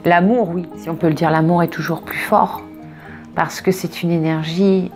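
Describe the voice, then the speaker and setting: A woman reading oracle cards and giving spiritual guidance in a casual, expressive way, wandering off into asides and repeating words for emphasis. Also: medium pitch. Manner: expressive, digressive, emphatic repetitions. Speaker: oracle card reader.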